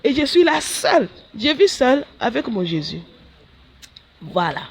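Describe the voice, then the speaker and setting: A woman preaches a sermon with a lively, swinging voice. She talks as a religious sister. Her voice jumps high when she acts out her talks with God. A faint background hiss sits under her voice. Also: a little slow.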